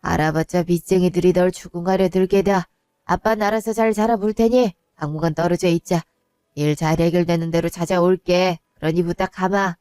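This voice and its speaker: A woman voicing a weary, indebted old father who speaks low, gentle and resigned in a one-voice audio drama. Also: steady tone, a little fast, smooth, no room sound, natural voice. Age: older.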